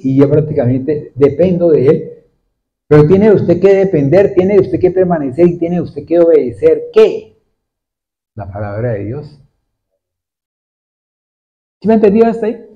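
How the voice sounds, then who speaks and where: A male pastor preaching a sermon to a congregation, repeatedly asking them questions in a steady, repetitive cadence. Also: on the high side. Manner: asks the congregation frequent questions. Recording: dull lo-fi recording. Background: seated congregation.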